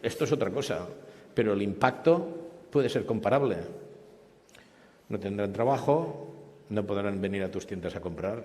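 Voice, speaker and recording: A man with a lowish, expressive, slightly mellow voice speaks at normal speed but pauses often, over slight background noise. As a business school panelist on a conference stage, he stammers into restarts and tags points with questions. The hall is reverberant.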